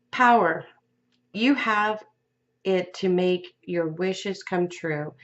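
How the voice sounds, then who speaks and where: A woman giving a weekly tarot reading in a gentle, unhurried way, with fillers and restarts. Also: mid-range voice, lo-fi sound. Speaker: tarot reader.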